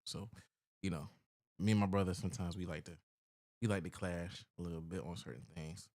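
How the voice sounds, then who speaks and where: A man's voice: low voice, fairly even intonation, a little fast, a little mellow. A man co-hosting a casual podcast, talking in a laid-back, slangy, rambling way. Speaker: podcast co-host.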